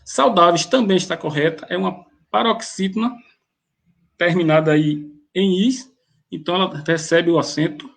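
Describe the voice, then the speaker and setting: A man teaches rules through exam questions, working methodically and restarting phrases as he goes. His voice sits high and has a gravelly, husky edge. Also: normal speed, fairly bright tone. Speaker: grammar teacher.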